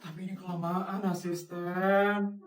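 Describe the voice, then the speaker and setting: A woman voicing an impatient, spoiled rich woman client who complains in a drawn-out way. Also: medium pitch, level tone, a little hiss or hum, natural voice. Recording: roomy sound from a distance.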